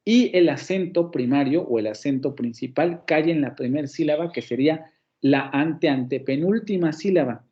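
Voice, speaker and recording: A male university teacher with a Mexican Spanish accent gives an online phonetics lecture. His voice is mellow and even, and he explains step by step, often restarting a phrase. The audio is muffled and lo-fi, like a video call. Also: fairly high pitch, moderate pace. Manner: explanatory, frequent restarts and checks with "¿vale?".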